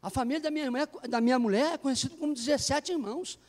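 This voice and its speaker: A Brazilian man, a pastor, preaching a sermon in a church in an animated way full of jokes. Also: extremely high pitch, very fast. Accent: Brazilian Portuguese. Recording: long church hall reverb.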